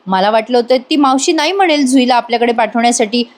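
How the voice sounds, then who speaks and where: A playful young husband teases and jokes gently, read out by a woman. The voice stays fairly high and close to her own. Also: fast talker, natural voice. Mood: teasing. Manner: playful, teasing. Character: teasing, kindly young husband.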